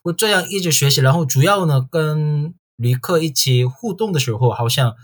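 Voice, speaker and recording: A South Korean man with a fairly high-pitched voice answers interview questions in Mandarin. He's a tour guide speaking the language as a foreigner, so his Korean-accented phrasing is casual, simple, and halting.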